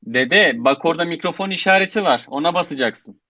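A man's voice: a little high, animated, a little fast, sharp tone, no room sound. A man playing a casual, cheeky young grandson in a radio drama. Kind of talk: Turkish radio theatre acting. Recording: dull, dry lo-fi sound.

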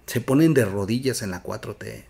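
A man with a Mexican accent hosting a political commentary show, emphatic, with loud outbursts and quiet asides. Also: fairly low pitch, normal speed, vocal fry, slightly rough. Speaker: news commentary host.

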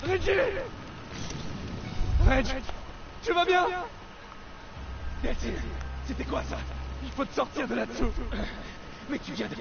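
High, frantic younger brother. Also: male voice, lively intonation, slow, long pauses, heavily acted. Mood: panicked. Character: distraught impulsive younger brother, frightened by his new powers. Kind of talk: video game dramatic voice acting. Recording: muffled game audio with clear noise.

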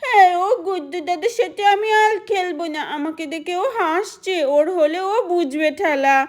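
A woman's voice: very high voice, moderate pace. A woman voicing a small, sick village girl who talks in a whiny, tearful way.

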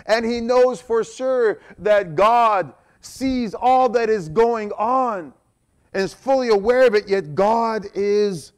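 A man's voice: high voice, slow pace. A man preaching a sermon as pastor, reading scripture aloud and acting out a prophet's desperate questions to God, then asking the congregation directly. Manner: dramatic, pleading when voicing the prophet's complaints.

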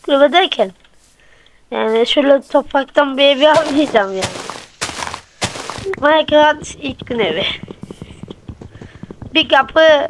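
A woman with a fairly high voice talks viewers through her building, counting blocks and correcting herself as she plays. Her running commentary is loose and chatty. There is a steady hiss under her voice, with clicks over it. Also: poor audio. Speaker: gameplay channel host. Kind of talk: casual let's-play commentary.

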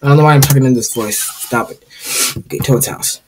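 A woman commentating on a video game, swinging from quiet mumbling to frustrated yelling. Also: extremely low pitch, a little fast, slight background noise. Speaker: gaming video host. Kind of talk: gaming commentary.

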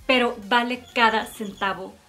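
A woman's voice: on the high side, fairly even intonation, moderate pace, bright, forceful tone. A woman giving a chatty makeup tutorial and product review, fond of cute diminutives. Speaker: beauty vlogger.

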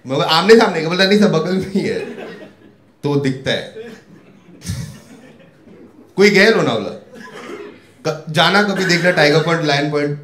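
A man from India performs stand-up comedy in an echoey venue. His voice sits fairly high. He acts out quoted dialogue and swings between loud shouts and low mutters. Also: a little slow, long pauses.

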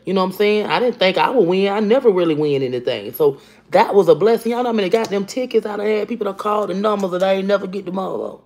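Fast-talking and deep-voiced for a woman, a livestream host chats from her kitchen at home, reading comments aloud and naming viewers. She's animated, blunt and full of profanity, with her phone camera held at arm's length.

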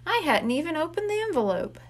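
A friendly older boy from a storybook, earnest and a little anxious, babysitting his siblings, voiced by a woman reading aloud. The voice sits high and light. He speaks slowly and sincerely. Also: big pitch swings.

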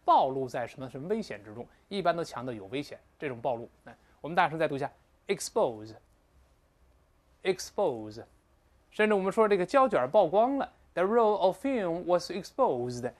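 In a slightly high voice, a male lecturer teaches English vocabulary, mixing animated interjections with slow, drawn-out drills on pronunciation.

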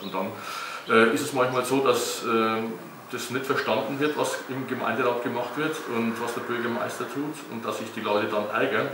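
A middle-aged man, a mayor, answering children's interview questions in a casual, hesitant way with many fillers and tag questions. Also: medium pitch. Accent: German. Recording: echoey room, recorded from a distance with faint noise.

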